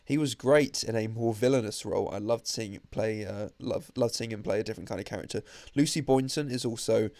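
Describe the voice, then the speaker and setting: A man's voice: fairly low pitch, fairly quick, hardly any pauses, darkish tone, no echo. A young man with a slightly nasal voice from allergies, giving a chatty, enthusiastic podcast-style film review into his own microphone, with frequent fillers. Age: young adult. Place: indoors at a holiday stay.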